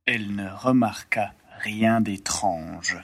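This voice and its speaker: Husky lowish guy reading a storybook, slow and dramatic. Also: fairly bright tone, dry recording, studio quality. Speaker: narrator.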